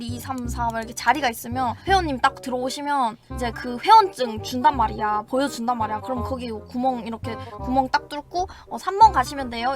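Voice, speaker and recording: A woman in her twenties with a Korean regional dialect, casually telling stories to her stream viewers and playfully acting out customers. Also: sits high. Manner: lively, playful, acts out customers in quick voices. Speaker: live streamer. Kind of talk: casual storytelling chat to viewers. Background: soft background music.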